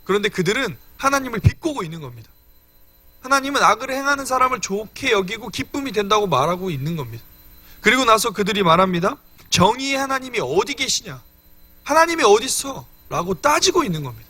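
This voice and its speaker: A man's voice: high-pitched, sing-song, fairly quick, sharp tone, slightly rough, no room sound. A young man preaching a midweek church sermon, earnestly explaining scripture and addressing the congregation directly. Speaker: evangelist preaching.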